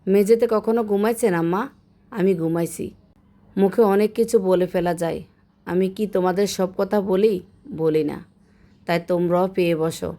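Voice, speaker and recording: A woman's voice: medium pitch, steady tone, moderate pace, long pauses, dark tone. A woman narrating a serialized family drama story, reading every character's lines herself. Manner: reads all parts, shifting tone for quoted speakers.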